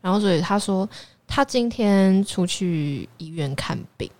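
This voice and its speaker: A young woman with a Taiwanese Mandarin accent who tells a story in a lively, exasperated way on a casual chat show. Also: medium pitch, measured pace. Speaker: podcast co-host.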